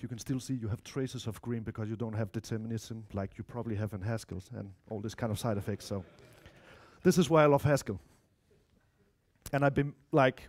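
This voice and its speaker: Speaking at an ordinary male pitch in a dark, relaxed voice, a Danish-accented software developer in his thirties gives an informal technical talk in an indoor lecture room. He's chatty and often turns to the crowd with asides. He is from Denmark or Spain, with mixed Spanish-Danish roots.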